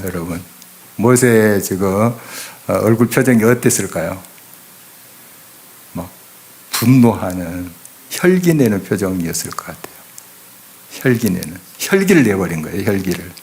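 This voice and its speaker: A man's voice: lowish voice, creaky, a little mellow. A middle-aged man preaching an expository sermon in church, emphatic and full of rhetorical questions to the congregation. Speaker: pastor. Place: church sanctuary.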